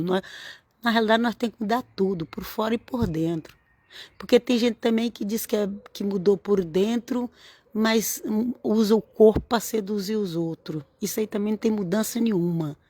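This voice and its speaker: A woman's voice: medium pitch, mellow, no room sound. A woman, giving an informal, earnest sermon-style talk to camera and repeating phrases for emphasis. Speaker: religious vlogger.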